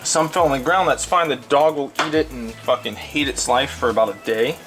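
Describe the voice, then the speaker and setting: A man's voice: mid-range voice, a little fast, music in the background. A man hosting a casual cooking video, talking in a blunt, crude, rambling way and repeating himself. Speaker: host of a cooking show. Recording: clearly noisy, frying and stirring sounds. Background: sizzling pan, stirring, clicks.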